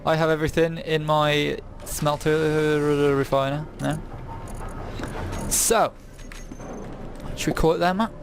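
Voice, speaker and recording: Rambling young British gamer. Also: male voice, fairly high pitch, fairly even intonation, slow pace, long pauses, slight background noise. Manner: rambling, bursts into silly songs. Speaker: gaming video host. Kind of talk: casual gameplay commentary.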